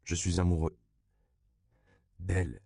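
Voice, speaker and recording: A man's voice: deep voice, slow pace, vocal fry, dark tone, no echo, studio quality, exaggerated voice. A man voicing a middle-aged man who pleads in a trembling voice, in an audiobook. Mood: pleading. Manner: tremulous, imploring.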